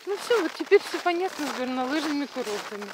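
A woman chatting excitedly to camera as a travel vlogger, out on a snowy ski slope. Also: high-pitched, quick pace. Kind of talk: casual travel vlog chat. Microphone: action camera worn on the body. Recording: loud wind and outdoor noise.

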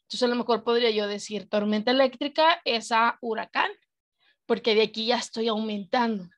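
A woman's voice: a little high, moderate pace. A woman teacher with a Mexican accent giving an online class over a video call, explaining patiently and often asking her students questions.

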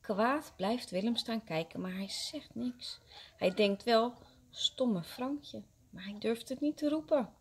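A kindergarten teacher, a woman, reading a story aloud to young children with expressive, gentle storytelling. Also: on the high side, unhurried, husky.

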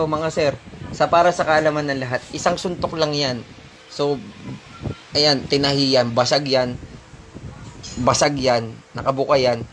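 A man's voice: medium pitch, a bit bright, a little hiss or hum. A man, a delivery rider, telling viewers in a casual, emphatic way what happened to him. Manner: emphatic storytelling, addressing viewers as sir and bro. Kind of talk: casual first-person account.

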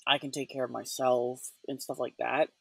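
A man's voice: medium pitch, level tone, normal speed, gravelly, a bit bright, slightly rough, no echo. A man co-hosting a podcast, musing in casual chat with a thoughtful, rambling manner. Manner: thoughtful, rambling, many fillers and restarts. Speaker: podcast co-host.

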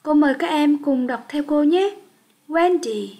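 A woman's voice: sits high, moderate pace, mellow. A woman teaching an English lesson for young children, speaking patiently and leading repetition drills.

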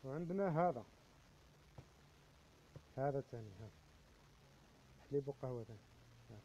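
A man's voice: mid-range voice, expressive, normal speed, warm tone, dull audio, slight background noise. Man with an Algerian accent showing housewares. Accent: Algerian Arabic. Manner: chatty, repeats prices and item names. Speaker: shop seller. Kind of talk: casual product showcase.

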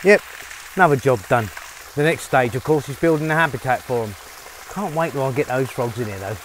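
Against a noisy background, a middle-aged man with an animated mid-range voice talks a little fast. Working outdoors on a rural farm in the rain, he gives casual, chatty vlog narration to camera, upbeat and full of fillers, via lapel mic.

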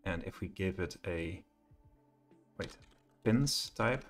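Low-voiced man thinking aloud while coding. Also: expressive, slow, soft background music. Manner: thinking aloud, hesitant with many fillers. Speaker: programming tutor. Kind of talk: live coding walkthrough.

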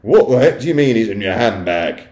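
A man voicing a large, coarse, pushy middle-aged father in a storybook, brusque, indignant and shouting. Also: medium pitch, very animated, normal speed, pitched above the performer's own voice, lightly acted. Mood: blustering. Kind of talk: children's storybook character voice. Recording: echoey room.

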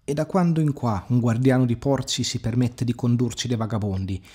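A husky-voiced man voicing an arrogant, cruel young male suitor who shouts threats. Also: fairly low pitch, fairly even intonation, brisk. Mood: furious.

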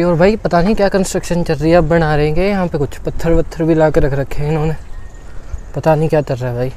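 This is a solo vlog chat by an Indian man in his twenties, a travel vlogger strolling outdoors at an open fort ruin and speaking colloquially to viewers as "brother." His voice is a little high with a darkish tone. He's recorded on a clip-on lapel mic, clear despite the outdoor background noise.

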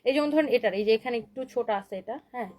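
High-voiced woman selling dresses live. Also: racing, darkish tone, poor audio. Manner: chatty, keeps asking "okay?", mixes English words into Bengali. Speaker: online boutique owner selling dresses live. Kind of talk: live-stream sales pitch, reading viewer comments.

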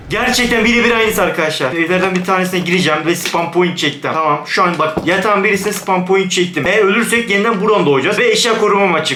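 A young man giving let's-play commentary on a horror game, jumpy, yelping in fright, then talking himself calm. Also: sits high, reverberant, slight background noise. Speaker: gaming YouTuber.

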